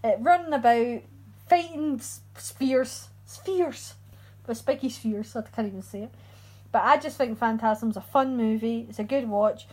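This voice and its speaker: A woman's voice: on the high side, moderate pace, rough recording. A woman co-hosting a casual podcast chat, chatty and often searching for her words. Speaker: podcast co-host. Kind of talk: casual chat about horror movies.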